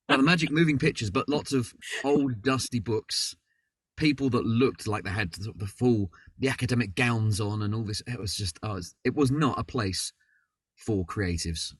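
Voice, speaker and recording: Husky London man, distant call audio. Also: medium pitch, normal speed, no room sound. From London, England. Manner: rambling, chatty, self-deprecating with many fillers. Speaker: voice actor guest. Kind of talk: casual interview chat. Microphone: video call.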